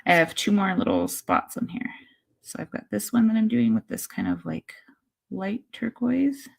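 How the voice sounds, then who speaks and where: A woman hosting a casual rock painting livestream, sniffling from allergies and chatting as she paints, sometimes dropping to soft murmurs. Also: medium pitch, huge pitch swings, moderate pace, vocal fry, breathy edge. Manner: chatty, talks through her painting, drops to soft murmurs. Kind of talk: casual chat while painting.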